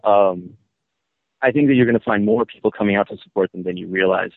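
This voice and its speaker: Thirties male radio show caller on a tinny phone line, earnest, restarts often, low-ish voice. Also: dry recording. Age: 30s. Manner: earnest, halting, with many restarts. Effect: phone-line call-in audio. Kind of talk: casual call-in chat.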